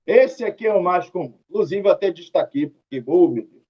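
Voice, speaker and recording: Heard in lo-fi sound, a high-pitched, animated male voice with a breathy edge moves a little fast through a writing lesson. The Brazilian teacher, who has a Brazilian Portuguese accent, chats through examples with his students, drawing out tag questions and scolding them a little.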